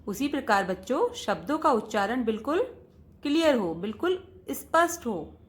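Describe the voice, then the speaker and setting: A woman's voice: a little high, big pitch swings, normal speed. A woman teacher giving a patient lesson to children, often calling out to the students and repeating each point.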